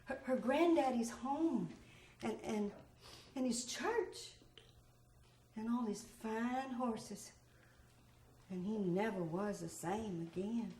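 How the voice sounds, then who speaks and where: A woman in her sixties performing a one-woman stage show, telling her story in a wry, expressive way. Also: fairly high pitch, slow pace, pauses often. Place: theater stage. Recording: roomy theater with faint hiss.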